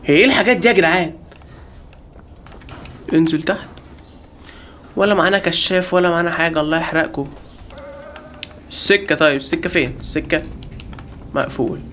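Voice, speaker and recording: شاب بلهجة مصرية يعلق على لعبة رعب وهو يلعب، يصرخ ويهزر مع المتابعين. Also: male voice, a little high, a little fast, long pauses, slight background noise. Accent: Egyptian Arabic. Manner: panicky, yelling in bursts while being chased; jokey, talks to viewers and the game. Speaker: gaming channel host. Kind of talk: live horror game commentary.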